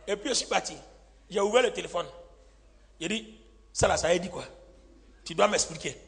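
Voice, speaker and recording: A man's voice: high-pitched, normal speed, creaky. A male pastor telling a story in a sermon, acting out the lines of the people in it and laughing often, recorded live in a reverberant hall. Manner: animated, acts out quoted lines, laughs often. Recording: live hall with long reverb and faint music.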